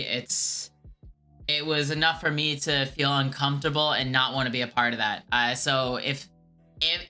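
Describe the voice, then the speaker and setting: Answering viewer questions, a woman scam-baiting streamer speaks in an earnest, halting way with frequent restarts. Her pitch is extremely low, and her tone is bright and forceful.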